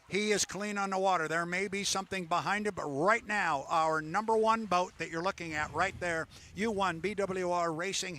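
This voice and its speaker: A man calling a boat race live as the play-by-play commentator, getting excited and shouting at the finish. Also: sits high.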